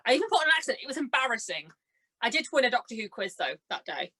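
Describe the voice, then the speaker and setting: A young woman in her twenties, a guest on a podcast, chats casually in a slightly high, husky, sharp voice with a sing-song lilt and quick pace. Bubbly and giggly, she tells animated anecdotes and acts out what people said.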